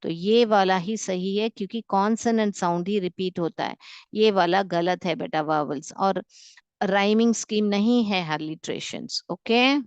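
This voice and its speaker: Slow, clear-voiced woman teacher. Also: medium pitch, darkish tone, dry recording, lo-fi sound. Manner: patient, repeats sounds, calls students "beta". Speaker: school English teacher. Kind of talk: classroom lesson explaining quiz questions.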